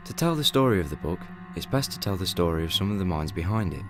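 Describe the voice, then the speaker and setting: Man performing wry guidebook narrator, very low pitch, measured and deadpan, radio play, music behind. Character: the Book, a wry all-knowing guide narrator. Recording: music bed under the voice.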